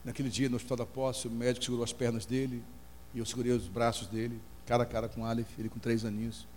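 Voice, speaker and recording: A middle-aged Brazilian man preaching a sermon as pastor, telling an emotional story and crying out in high voices as he acts out the people in it. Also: little pitch movement, fast talker, darkish tone. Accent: Brazilian Portuguese. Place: church hall. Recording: long hall reverb, faint hum.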